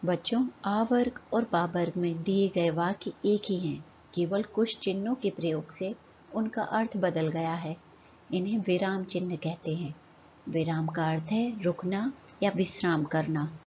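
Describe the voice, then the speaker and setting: A woman teacher gives a scripted grammar lesson for young pupils in a mid-pitched voice. She reads very slowly and carefully, pausing after each example. The recording is a little dull and lo-fi, with faint background noise. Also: darkish tone. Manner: slow, careful reading with deliberate pauses.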